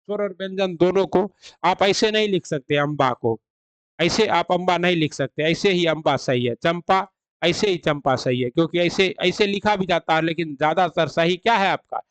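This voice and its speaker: A man's voice: sits high, normal speed, clean tone, no echo. A man teaching Hindi grammar in an online exam-prep lecture, explaining rules and asking himself rhetorical questions.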